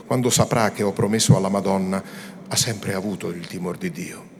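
A man's voice: deep voice, a little fast, a little hiss or hum, natural voice. Man voicing a tearful young devout woman. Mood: tearful pleading. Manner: soft, earnest and imploring.

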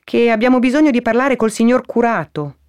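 A woman's voice: on the high side, brisk, darkish tone, smooth, voice pushed up, close to an everyday voice. Lady reading a sly village guy haggling at the door, kinda raised voice, storybook style. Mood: wheedling. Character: crafty young village man, wheedling about a debt.

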